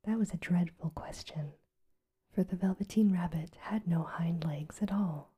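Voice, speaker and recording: A woman reading a bedtime story aloud in a soft, even ASMR whisper. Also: fairly low pitch, unhurried, husky.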